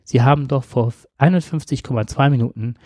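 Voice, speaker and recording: A man's voice: medium pitch, fairly quick, darkish tone, no room sound, studio quality, natural voice. A man voicing an overly polite, chatty self-driving car that talks in an eager, formal and apologetic way. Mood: chirpy, apologetic.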